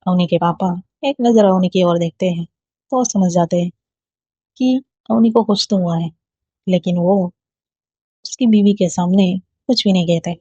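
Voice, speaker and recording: A woman narrating a romance story in a plain, steady reading voice. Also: fairly low pitch, normal speed, husky, dry recording. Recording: dull lo-fi dry recording.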